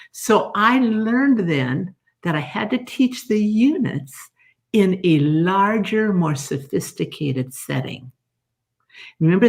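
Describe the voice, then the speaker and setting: A woman's voice: on the low side, creaky. An older woman, a learning specialist, talking in a live interview and acting out lessons as she explains. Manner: animated storytelling, acts out teacher and child sounding out words. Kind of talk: live expo video interview.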